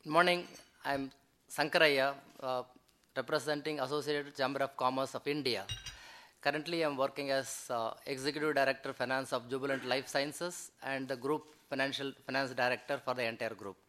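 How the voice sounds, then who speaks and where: Bright-voiced man, formal. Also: medium pitch, fairly even intonation, moderate pace. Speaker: meeting participant. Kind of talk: self-introduction at a round-table meeting.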